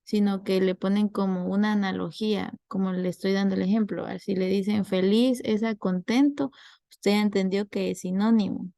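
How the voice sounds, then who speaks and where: A woman's voice: medium pitch, flat delivery, brisk, creaky, hardly any pauses, dark tone, no room sound. A young woman, tutoring a class and patiently explaining step by step with examples.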